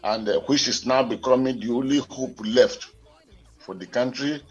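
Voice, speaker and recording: A man's voice: mid-range voice, normal speed, slightly rough. A Nigerian man co-hosting a radio current affairs show, heard over a telephone line, talking in a formal, wordy and digressive way. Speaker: radio talk show co-host.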